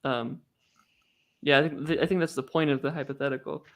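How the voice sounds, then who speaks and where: A man's voice: medium pitch, fairly even intonation, a little fast. A man in a casual debate chat, hesitant, stammering and repeating words as he works through his point.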